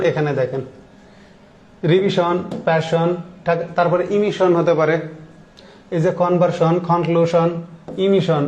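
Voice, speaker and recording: A man's voice: a little high, darkish tone, muffled recording. A man teaching an English grammar lesson, explaining step by step and asking the class questions.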